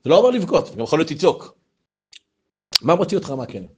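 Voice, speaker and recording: A man, giving an informal Torah talk full of personal stories and rising to loud, animated bursts. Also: on the high side, a little hiss or hum. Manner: animated storytelling, voice swells when excited. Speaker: religious lecturer.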